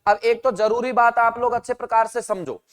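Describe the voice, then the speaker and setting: A man's voice: extremely high pitch, steady tone, normal speed, long reverb tail. A man teaching an English grammar class, asking his students questions and answering them himself, and calling out their names and answers. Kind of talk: online grammar lesson.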